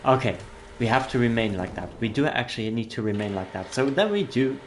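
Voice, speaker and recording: A man's voice: medium pitch, animated, fairly quick, slight background noise. A man giving casual let's-play commentary as a gaming host. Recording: game music behind the voice. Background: game music.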